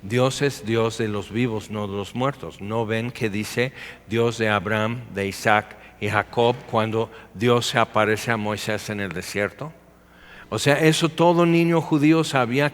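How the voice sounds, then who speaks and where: A man with a Mexican Spanish accent preaching a conversational sermon, chatty, full of quick asides and acted-out quotes. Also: mid-range voice, a bit bright. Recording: long hall reverb.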